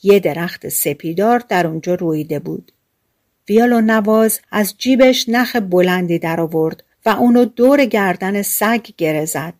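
Woman narrating a fairy tale. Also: mid-range voice. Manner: gentle, measured storytelling, colloquial retelling of a fairy tale. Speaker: audiobook narrator. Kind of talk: storybook narration.

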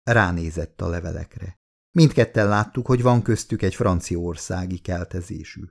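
A man reading a novel aloud in the first person, in a restrained, measured way. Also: low voice, creaky, a little mellow. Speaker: audiobook reader. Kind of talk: first-person literary narration.

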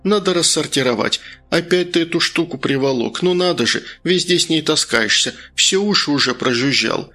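A man voicing a tall, commanding middle-aged woman who gives brisk orders. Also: low voice, expressive, a bit bright, soft background music, heavily acted. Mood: bossy. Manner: brisk, bossy, dismissive.

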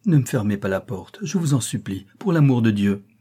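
A man's voice: fairly low pitch, lively intonation, a little fast, warm tone, breathy edge. A man voicing a starving young woman who pleads desperately at a door, read from a storybook. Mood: pleading.

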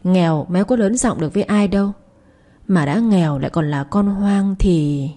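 A woman's voice: fairly low pitch, moderate pace, dark tone, natural voice. A woman voicing a wounded runaway teenage boy who speaks with wry bitterness.

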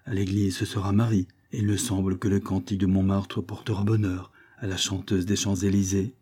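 A man's voice: low voice, level tone, brisk, mellow, husky. A man reading the lines of a humble young woman singer from a storybook, pleading and earnest.

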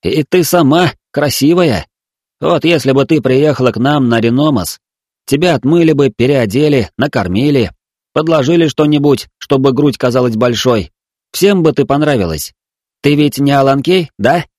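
Eager young sailor, coaxing, a bit raised and loud, read by a man. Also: a little high, expressive, normal speed, dry recording, clean studio sound, pitched above the performer's own voice. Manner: coaxing, cooing. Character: young eager male sailor, friendly, chatty.

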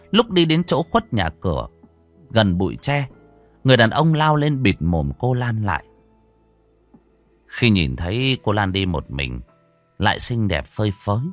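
A man narrating a ghost story theatrically, moving from hushed to urgent. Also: on the low side. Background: faint music.

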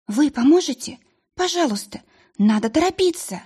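A woman voicing a frantic young girl who begs for help in a sobbing, high, urgent voice. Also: expressive, normal speed, warm tone. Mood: desperate pleading. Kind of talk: audiobook character voice.

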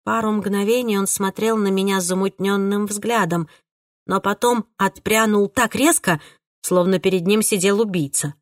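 Expressive woman reading a first-person novel. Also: medium pitch, normal speed, no echo, clean studio sound. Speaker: audiobook narrator. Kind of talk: first-person audiobook narration.

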